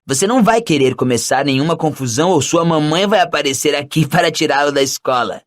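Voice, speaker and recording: A man's voice: a little high, very animated, normal speed. A man voicing an arrogant, scornful rich schoolboy bully in an audiobook, with a mocking drawl. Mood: sneering. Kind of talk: audiobook character voice.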